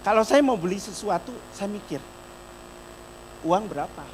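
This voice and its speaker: A middle-aged man preaching a sermon in church, telling a personal testimony and speaking directly to the congregation, moving between loud emphatic peaks and soft, quiet storytelling. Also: sits high, lively intonation, normal speed, a little hiss or hum, rough recording. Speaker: pastor.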